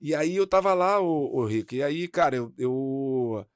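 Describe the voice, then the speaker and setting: A man's voice: a little high, animated, clear, resonant tone, no echo, studio quality. A man, a former footballer talking candidly and slangily about his career as an interview guest. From Brazil. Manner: fast, slangy and candid, with frequent swearing. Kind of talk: casual interview chat.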